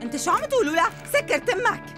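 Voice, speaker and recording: A woman dubbing a furious teenage schoolgirl who yells insults in a TV drama. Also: very high-pitched, very animated, racing, music in the background. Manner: shrieking insults, yelling. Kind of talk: dubbed TV drama.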